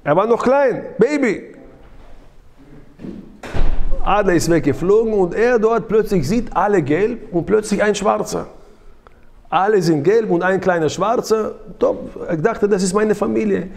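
A rabbi telling a parable to an audience, asking listeners questions and adding sound effects. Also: male voice, high voice, normal speed, vocal fry, darkish tone.

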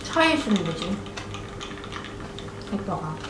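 A woman's voice: medium pitch, very animated, slow, very noisy. Woman, thirties, casual mealtime chat between bites, echoey room, clattering tableware. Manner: chatting between bites while eating. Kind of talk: casual chat during a family mukbang. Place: home dining room at a table. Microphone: camera microphone across the table. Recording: roomy, distant camera mic, clattering dishes.

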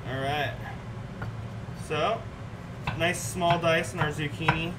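A man's voice: a little high, steady tone, takes it slowly. Laid-back man chatting while cooking. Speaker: cooking show host. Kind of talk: casual livestream cooking chat. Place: home kitchen, indoors. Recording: distant mic with clear room noise.

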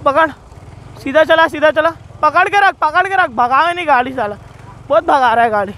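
A young man vlogging outdoors, yelling urgent commands during a chase on a rough road. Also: extremely high pitch, moderate pace. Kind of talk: excited outdoor confrontation vlog.

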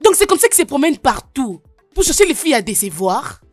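A woman's voice: high-pitched, very animated, a little fast, no echo, soft background music. A woman dubbing a worried, fiery young daughter in a French film dub, speaking in an exasperated, scolding way. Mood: mocking.

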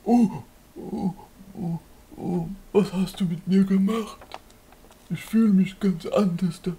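Man as a dim, husky, plaintive puppet boy. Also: sits high, dark tone, full character voice. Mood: dazed. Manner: plaintive, slow puppet-show pleading. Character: bewitched, dim, helpless schoolboy puppet. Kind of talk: children's puppet show.

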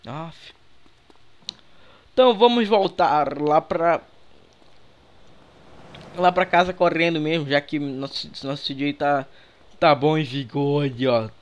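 A young man with a Brazilian accent giving relaxed, slangy commentary while playing a game, chatting with viewers through a headset mic. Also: a little high, slow pace, pauses often. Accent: Brazilian Portuguese. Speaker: gaming youtuber. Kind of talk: casual gameplay commentary. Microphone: headset microphone.

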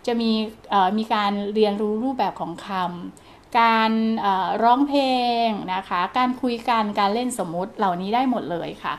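A woman's voice: mid-range voice, moderate pace. A woman who coaches child development, talking to parents in a chatty, conversational way full of small fillers and tag words. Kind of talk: casual explanatory talk to parents.

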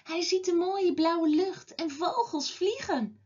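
High voiced woman reading a kids bible story, slow and bouncy, muffled lo-fi audio. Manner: slow, expressive, lively telling. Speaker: children's Bible class teacher. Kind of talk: storytelling to children.

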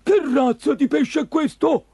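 A man voicing a greedy, monstrous green fisherman in a children's story, gleeful and loud with hearty laughs. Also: very high-pitched, unhurried, vocal fry, dry recording, voice pushed up, full character voice. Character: ugly green gluttonous fisherman, sea-monster-like.

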